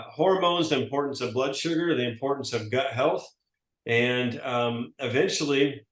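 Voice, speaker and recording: A man's voice: mid-range voice, reverberant. A man in his forties telling his story in a casual, rambling way, often correcting himself. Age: 40s. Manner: rambling, self-correcting, folksy. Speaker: network marketing presenter. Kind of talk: casual testimonial talk.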